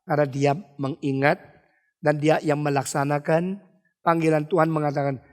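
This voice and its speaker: A man's voice: a little high, little pitch movement, moderate pace, big-room sound. A male pastor preaching an expository sermon, telling stories emphatically and asking rhetorical questions.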